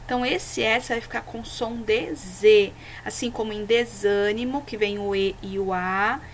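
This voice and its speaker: A woman's voice: mid-range voice, a little hiss or hum, poor audio. A woman, a teacher giving a recorded slideshow lesson for children, patient and didactic, checking in often with her listeners. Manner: slows down and stresses words when reading examples aloud.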